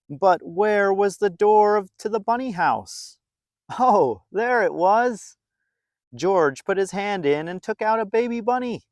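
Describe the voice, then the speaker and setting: With a high-pitched voice, a man performs a story for young children, drawing out words and punching up moments dramatically in a playful, expressive manner. There's no echo, and the recording is studio quality.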